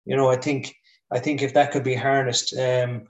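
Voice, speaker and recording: A man with a west of Ireland accent talking sport casually as a pundit, halting and thinking aloud. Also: medium pitch, level tone. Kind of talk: casual Gaelic football discussion. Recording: roomy echo, distant from mic.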